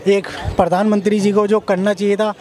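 Young man, high and flat-voiced. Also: fairly quick. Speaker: interviewee. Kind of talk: street interview. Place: outdoors at a busy monument plaza. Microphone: handheld mic held by interviewer.

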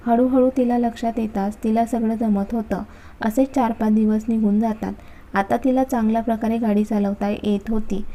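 Woman narrating a story, dark mellow voice. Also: a little high, poor audio. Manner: steady, even reading.

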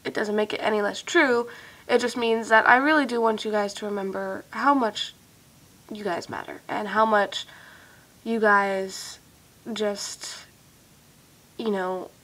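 A woman's voice: mid-range voice, fairly even intonation, a little slow, pauses often, fairly bright tone. A young woman vlogging to her viewers in a rambling, heartfelt way, her throat congested and phlegmy, sometimes dropping to a whisper. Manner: rambling, loses train of thought, drifts into whispers. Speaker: video blogger. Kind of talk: rambling heartfelt vlog talk.

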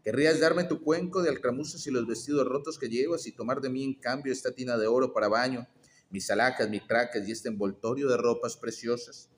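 A man's voice: medium pitch, fairly even intonation, fairly quick, lightly acted. Brief: proud young princess in a storybook, read by a man, haughty.

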